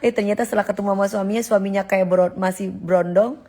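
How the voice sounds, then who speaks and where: A woman, hosting a live stream. Her mid-range voice has a gravelly, fry-tinged edge. She answers viewer comments in an emphatic, chatty way. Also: medium pitch, fairly even intonation, quick pace, warm tone. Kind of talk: casual live-stream chat.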